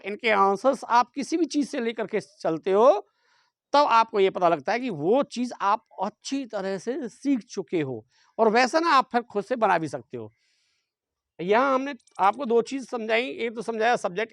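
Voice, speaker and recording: A man's voice: very high voice, creaky, a bit bright, no room sound, clean studio sound. A man teaching an English grammar class with an Indian accent, asking the class questions and answering them himself. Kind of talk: classroom lecture.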